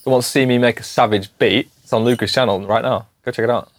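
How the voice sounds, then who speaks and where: A man's voice: medium pitch, steady tone, fast, dry recording. A man as a podcast guest, chatting casually with mates in slangy, laddish banter. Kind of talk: casual matey chat.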